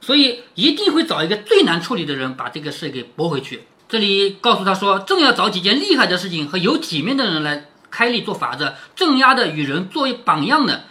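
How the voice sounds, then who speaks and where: A man's voice: high-pitched, very animated, brisk, few pauses, pushed and bright. A man reading a classic novel aloud and explaining it, often asking rhetorical questions. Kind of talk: storytelling with explanations.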